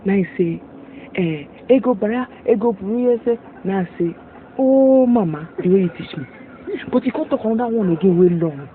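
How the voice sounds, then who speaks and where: A woman's voice: medium pitch, lively intonation, normal speed, a little hiss or hum, lightly acted. A woman playing a fed-up Nigerian village woman. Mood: exasperated. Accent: Nigerian Pidgin English. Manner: exasperated, complaining. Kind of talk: film drama acting. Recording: tinny lo-fi audio with loud music.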